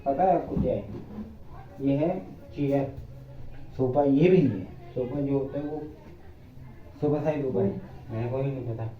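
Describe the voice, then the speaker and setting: A mid-range male voice at normal speed, pausing often, belongs to a young Indian vlogger cleaning his village home. He rambles and jokes with viewers, calling them "brothers," and is a little winded. Captured on his phone without a separate mic, the echoey room makes the audio dull and lo-fi, with a slight hiss or hum.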